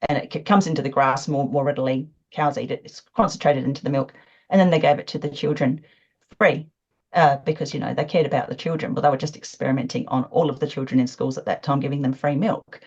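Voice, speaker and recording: A woman's voice: a bass voice, steady tone, quick pace, a little mellow, slightly rough. A woman speaking earnestly on a video call, with frequent fillers. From Australia. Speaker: panel guest. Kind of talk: conversational commentary on a video call. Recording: dull lo-fi call audio.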